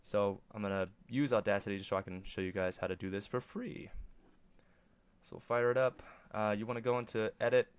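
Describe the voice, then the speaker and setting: A man presenting a casual, offhand software tutorial as a voice-over to a screen recording. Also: lowish voice, steady tone, a little fast, clear, resonant tone. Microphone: close microphone, voice-over for screen capture.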